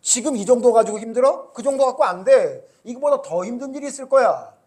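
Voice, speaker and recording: A stern, demanding God, voiced by a high-pitched male preacher fires blunt rhetorical questions at a weary prophet. The tone chides rather than comforts, in a sermon retelling. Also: animated, a little fast. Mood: chiding.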